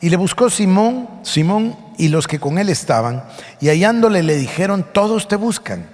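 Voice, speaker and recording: Male pastor, emphatic sermon, fairly high voice, reverberant church hall. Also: lively intonation, normal speed, darkish tone. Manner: emphatic preaching, reading scripture aloud and explaining it.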